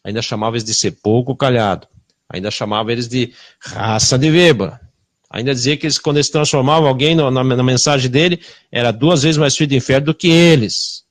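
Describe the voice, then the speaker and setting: A man preaching a sermon with a Brazilian Portuguese accent, confrontational and full of rhetorical questions, swinging between loud bursts and hushed asides. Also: mid-range voice, steady tone, brisk, no room sound.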